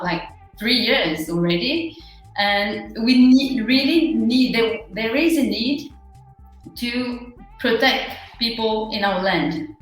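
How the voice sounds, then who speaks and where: A woman with a Mauritian accent talks slowly and haltingly, as a guest in an interview. She sounds earnest and conversational. The room rings with heavy echo, and faint music sits behind her voice. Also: on the high side. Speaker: interview guest, small business owner.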